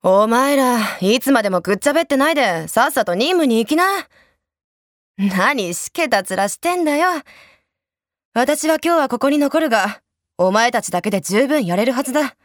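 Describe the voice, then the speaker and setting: A woman voicing a gruff, tough female commander who speaks bluntly and gives orders. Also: sits high, lively intonation, moderate pace, no echo, studio quality. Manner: brusque, commanding. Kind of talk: voice acting demo reel.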